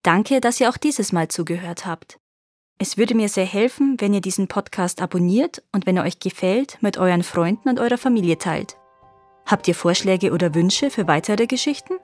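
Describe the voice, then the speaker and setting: A woman who hosts a storytelling podcast, reading a fairy tale in calm, measured narration. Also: medium pitch, soft background music.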